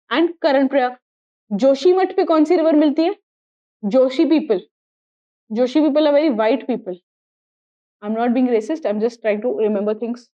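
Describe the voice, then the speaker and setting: A woman's voice: sits high, muffled recording. A woman with an Indian accent teaching geography for exam prep, repeating mnemonics and quizzing her students. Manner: repetitive, drills mnemonics, asks students questions. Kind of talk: classroom lecture mixing Hindi and English.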